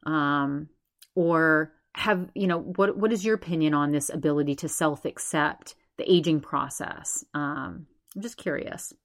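This solo podcaster is a woman in her forties whose voice sits low and moves at a measured pace. She chats animatedly and rambles, speaking right to the people who subscribe.

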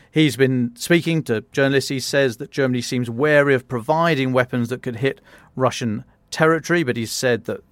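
This British man, a defence journalist, hosts a podcast news briefing and explains things informally with wry conversational asides. His voice is mid-range, and there's no room sound.

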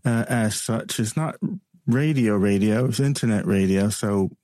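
A man with a transatlantic accent hosting an internet radio show, chatting and rambling in a relaxed way with frequent laughs. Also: fairly low pitch, a little slow, no echo, studio quality. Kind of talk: casual on-air banter.

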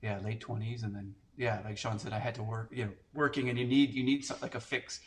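A man's voice: on the low side, little pitch movement, a little fast. A man in his forties from Canada, chatting casually and telling stories with lots of fillers and restarts. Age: 40s. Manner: rambling, filler-heavy storytelling. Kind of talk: casual chat.

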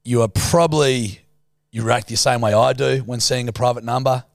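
A man's voice: mid-range voice, steady tone, normal speed, vocal fry, dry recording, clean studio sound. A man with an Australian accent in casual comic banter as a podcast co-host, swearing freely in a blokey, slangy way.

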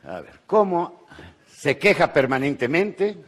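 Joking Mexican motivational speaker. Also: male voice, fairly high pitch, lively intonation, unhurried. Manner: jokey, rhetorical, checks in with "¿sí?"; swings between loud bursts and quiet asides. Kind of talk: live motivational conference talk. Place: conference hall with live audience.

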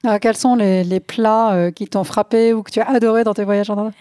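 A woman interviewer from Kerala, India, asking short relaxed questions in a casual conversation. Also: mid-range voice, a little fast, no echo, clean studio sound.

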